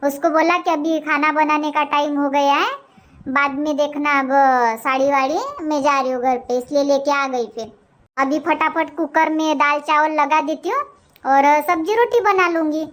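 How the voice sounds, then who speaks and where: A woman's voice: high-pitched, normal speed, a bit bright. A woman voicing a chatty young village daughter-in-law in a comic cartoon, breezy and unbothered.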